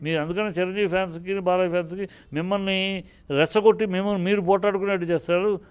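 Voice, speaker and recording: A man's voice: high-pitched, steady tone, quick pace, clean tone. A man, a film producer, talking combatively in a heated interview, indignant and often breaking off mid-word to restart. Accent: Telugu.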